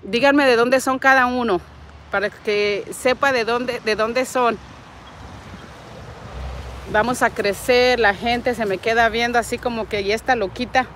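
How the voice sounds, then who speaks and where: A woman in her forties from Nayarit speaks a little slowly in a fairly high, fairly bright voice with a steady tone, with a little hiss or hum present. Hosting a casual livestream with a Mexican accent, she affectionately greets viewers and reads comments outdoors in a parking lot and on a street. She uses a wired earbud mic, phone at arm's length.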